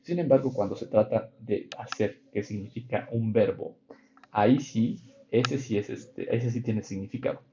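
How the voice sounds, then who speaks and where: A man's voice: lowish voice, normal speed, mellow, slight background noise. A man teaching English grammar in an online class, patiently explaining and checking in with his students. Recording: dull lo-fi online class audio.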